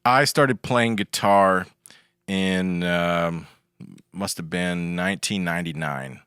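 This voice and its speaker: Low voiced guy in his 30s, laid back storyteller, dry close mic. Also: takes it slowly, clean tone, no echo. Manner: relaxed storyteller, with wry understatement and lots of fillers. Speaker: guest musician. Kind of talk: casual podcast interview.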